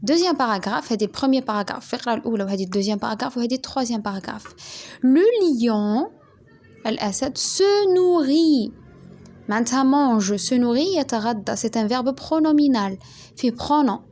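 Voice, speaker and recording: A young woman teaches a primary school French lesson. She dictates slowly and carefully and spells words letter by letter. Her voice sits a little high. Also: a little mellow.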